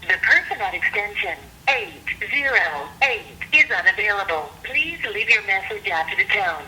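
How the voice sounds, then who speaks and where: A woman's voice: mid-range voice, animated, moderate pace, pushed and bright, a little hiss or hum, low-quality recording. A woman's recorded phone menu message, in a polished, scripted announcer delivery, heard over a landline phone. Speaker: automated phone greeting.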